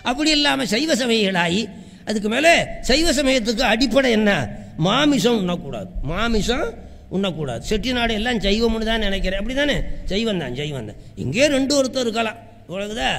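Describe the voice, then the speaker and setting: A man with a high, gravelly voice gives a devotional sermon and breaks into chanted verse. He keeps checking whether his listeners follow him and repeats key phrases. The sound rings with the long reverb of a large hall. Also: very animated, normal speed, a bit bright. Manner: keeps asking the audience if they understand. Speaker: devotional speaker and astrologer. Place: hall with a live audience.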